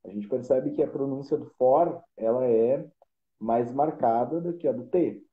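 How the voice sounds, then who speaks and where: A man's voice: mid-range voice, a little slow. A man, a Portuguese teacher patiently explaining grammar rules step by step with examples in a casual lesson. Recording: roomy, dull lo-fi live stream audio.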